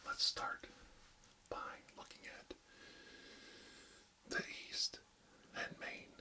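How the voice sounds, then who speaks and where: A man hosting ASMR in a very close, breathy whisper with deliberate phrasing into a binaural microphone. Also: medium pitch, bright, forceful tone. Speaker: ASMR host.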